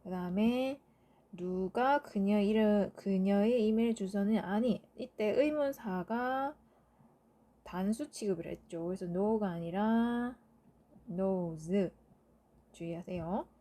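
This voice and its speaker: A woman teaching an English grammar lesson at a very slow, deliberate pace. Her voice is mellow and warm, not bright. She keeps checking in with short tag questions as she works through each answer. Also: mid-range voice. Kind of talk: lecture explaining grammar answers.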